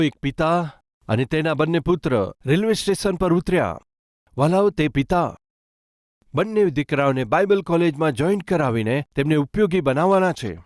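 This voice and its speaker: A man preaches a sermon in a fairly high voice. He builds earnest emphasis and turns often to his listeners. The sound is dry and close, with no room echo. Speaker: pastor.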